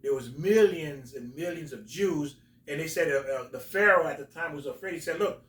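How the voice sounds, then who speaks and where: A man hosting a talk, explaining religious stories in a halting, emphatic storytelling way. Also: a little high, a bit bright. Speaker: host, religious teacher. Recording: roomy echo, distant from mic.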